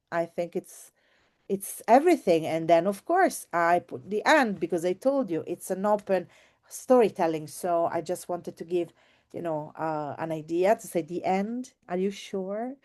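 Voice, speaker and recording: A woman teacher and trainer presents an informal online workshop in a slightly mellow, mid-range voice. She speaks expressively and effusively, repeating words for emphasis.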